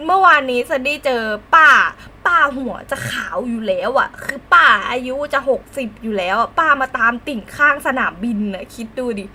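Bright, high-voiced chatty woman streamer. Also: moderate pace, hardly any pauses, a little hiss or hum. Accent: Northern Thai. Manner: chatty and animated, many fillers and restarts. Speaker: game streamer. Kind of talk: casual live-stream chat.

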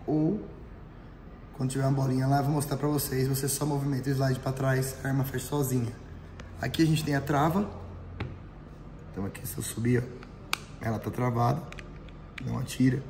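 A man's voice: medium pitch, steady tone, brisk, pauses often, a little mellow. A middle-aged man with a Brazilian accent and a thin, cracked, reedy voice, giving a casual, explanatory product demonstration. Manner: informal, explanatory, frequent tag questions. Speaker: airsoft shop product reviewer. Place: indoor airsoft shop and small range room. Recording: roomy echo, faint background noise.

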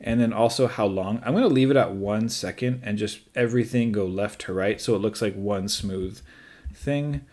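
A man who is a teacher, calmly talking through a screen-recorded software tutorial step by step, with light joking asides. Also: fairly low pitch, normal speed.

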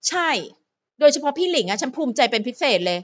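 A woman's voice: high-pitched, big pitch swings, quick pace, lo-fi sound. A woman hosting her own fan channel, chatting playfully to viewers and to herself in a casual solo vlog.

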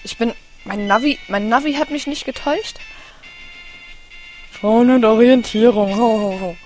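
A woman doing playful, excitable commentary as she plays a video game, breaking into little songs and silly voices. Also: a little high, measured pace, soft background music. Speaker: let's player. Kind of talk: casual gameplay commentary.

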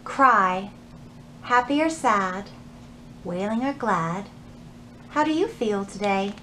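Speaking at a medium pitch and slow pace, this woman in her thirties leads a library storytime, talking directly and animatedly to the children. A little hiss or hum sits under the audio.

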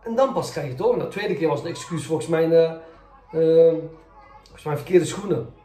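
A man's voice: fairly high pitch, a little fast, warm tone. A man, a journalist, candidly recounting his own experiences in a storytelling vlog, acting out both sides of the arguments. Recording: roomy echo, faint music.

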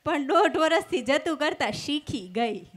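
High-voiced woman doing stand-up comedy. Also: expressive, measured pace, a bit bright. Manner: storytelling with acted-out dialogue and punchlines. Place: stage before a live audience. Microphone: stage microphone.

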